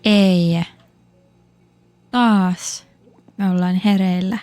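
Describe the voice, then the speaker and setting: Woman streamer, casual game chatter, playful, mellow tone, dry close mic. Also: mid-range voice, steady tone, no echo.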